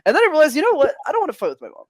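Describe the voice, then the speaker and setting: A young man from Canada, a podcast guest, telling stories in energetic, extroverted casual chat. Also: very high voice, rapid-fire, no echo, clean studio sound.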